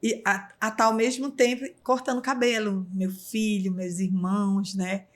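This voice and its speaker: A woman's voice: medium pitch, steady tone, unhurried. Earnest Brazilian woman telling her story. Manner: earnest, many fillers like "né". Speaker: guest. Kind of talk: emotional personal storytelling.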